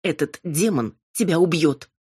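Woman narrator as a furious young cousin, sharp and husky. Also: low-pitched, measured pace, no echo, clean studio sound. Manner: sharp, accusing, raised voice.

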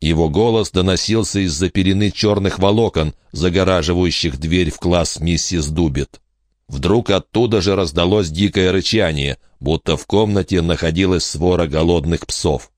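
A man narrating a horror audiobook in a measured, steady storytelling manner. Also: low-pitched, no echo, studio quality.

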